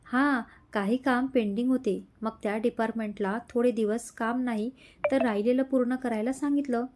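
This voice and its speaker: A woman voicing a calm young male boss. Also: a little high, moderate pace, noisy background, close to an everyday voice. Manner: matter-of-fact. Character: busy young man company boss, calm.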